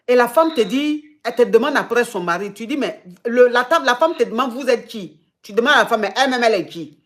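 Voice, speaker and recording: A woman with a high voice and an Ivorian French accent hosts a live call-in advice show. She retells the caller's story back to her in a casual, repetitive way, often restating the same phrase.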